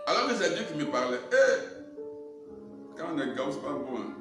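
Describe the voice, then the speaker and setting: A man preaching a sermon and telling a personal testimony, swinging between loud and hushed delivery. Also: on the high side, very animated, unhurried. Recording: echoey hall, voice from far off, music behind.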